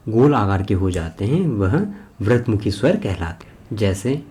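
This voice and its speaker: A man giving an exam-prep grammar lesson, slow and methodical, spelling out each sound one by one and answering his own questions. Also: on the low side, big pitch swings, mellow. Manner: asks a question and then answers it himself. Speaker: teacher.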